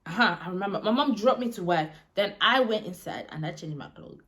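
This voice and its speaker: A young woman telling a storytime vlog in an animated, chatty way with lots of slang. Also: mid-range voice, fairly quick. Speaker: vlogger.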